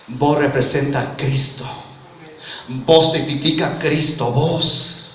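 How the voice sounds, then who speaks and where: Male preacher, impassioned storyteller, forceful tone, faint background noise. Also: mid-range voice, fairly even intonation, slow. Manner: impassioned, storytelling, frequent "hermano" address. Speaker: pastor. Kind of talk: sermon. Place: church. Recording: echoey church hall with faint noise.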